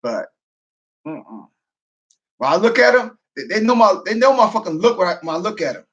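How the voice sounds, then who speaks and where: A man, a military veteran, talking in a loud, profane, casual monologue, breaking into laughter as he goes. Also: high voice, normal speed, dull audio. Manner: loud, profane, laughing asides, animated rant.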